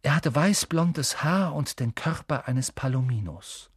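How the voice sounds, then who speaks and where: A man reading an audiobook with steady storytelling narration and dramatic lifts. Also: fairly high pitch, a little slow, slightly rough, no echo, studio quality. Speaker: audiobook reader. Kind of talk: scripted narration.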